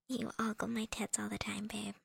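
A young woman whispers right up against the microphone in an ASMR girlfriend roleplay, her voice airy, breathy and full of gravelly fry. She teases softly, slips in small laughs, and keeps her pitch a little high but barely moving, with an unhurried pace. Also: no room sound, clean studio sound. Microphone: close microphone.

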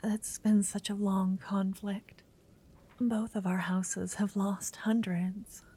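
Playing a shy, anxious young noblewoman, a woman speaks in a soft, breathy whisper at a slow pace and a mid-range, level tone. She hesitates and stammers here and there.

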